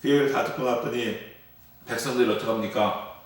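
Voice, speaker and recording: A man's voice: mid-range voice, fairly even intonation, fast talker. A man preaching an early-morning sermon as pastor, who asks his congregation rhetorical questions, answers them himself and keeps speaking to them directly. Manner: keeps addressing the listeners directly. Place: church sanctuary. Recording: very echoey hall, voice far from the mic.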